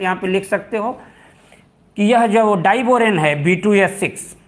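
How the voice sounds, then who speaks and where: A man's voice: high-pitched, a bit bright. A male chemistry teacher lecturing students, repeating key terms and stressing what is important, calling them "beta" and mixing English words into his speech. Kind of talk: classroom lecture.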